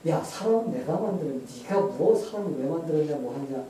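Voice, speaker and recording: A man's voice: a little high, expressive, fairly quick, warm tone, close to an everyday voice. Give me a man playing a stern, scolding God, heard from a distant mic in a roomy church. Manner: blunt, informal scolding. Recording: echoey church hall, far mic.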